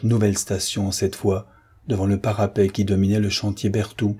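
Low, husky male audiobook narrator. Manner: steady, measured storytelling. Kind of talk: scripted narration.

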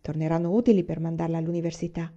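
A woman voicing a steady, reassuring father of a pioneer family in a storybook reading, calm and practical. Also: sits low, racing, muffled recording.

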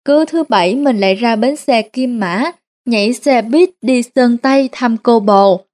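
A woman reading a first-person story aloud in a steady, plain narrating tone. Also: fairly high pitch, unhurried.

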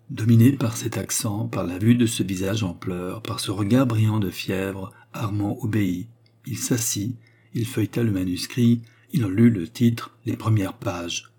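A man narrates a classic novel in an expressive, dramatic audiobook reading. His voice sits low, with a dark, mellow tone and a husky edge.

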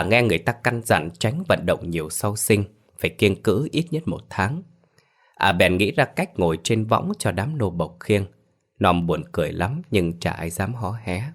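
A man with a deep, low voice narrates a scripted ghost story. His reading is steady and even, with no rush.

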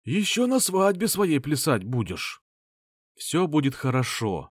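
A man voicing a gruff male fixer who reassures a wounded friend in a hearty way. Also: a little high, big pitch swings, measured pace, dry recording, studio quality, voice pushed up, heavily acted. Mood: reassuring.

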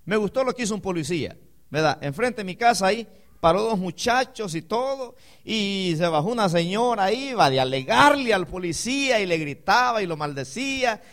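A man preaching a sermon, calling the congregation "hermano", swinging between loud emphatic declarations and quiet, low asides. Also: lively intonation, moderate pace. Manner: addresses the congregation as "hermano" with call-and-response questions.

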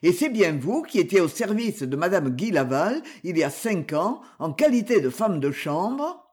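A reader voicing a courteous male investigator who questions witnesses in a measured way in an audiobook. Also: mid-range voice, very animated, a little mellow, breathy edge. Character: polite, probing male investigator.

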